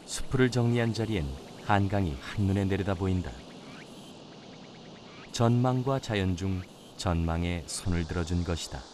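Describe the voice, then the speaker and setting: A man giving scripted nature documentary narration in a measured, solemn storytelling manner. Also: low voice, darkish tone, slight background noise. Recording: music behind the voice. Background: background music.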